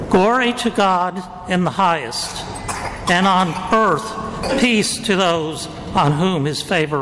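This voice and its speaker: A man speaking as a priest at a church service, solemn and deliberate, phrase by phrase, with a cathedral echo around his voice. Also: on the high side. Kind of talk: liturgical gospel reading and homily preaching. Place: large church with echoing acoustics. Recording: cathedral-like echo, long reverb, background noise.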